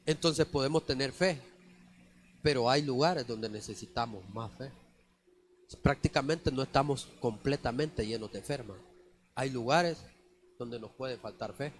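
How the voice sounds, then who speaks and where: A man's voice: medium pitch, measured pace, pauses often, a little hiss or hum. A man preaching a conversational church sermon, often calling the listeners brother. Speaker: lay preacher. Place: church sanctuary.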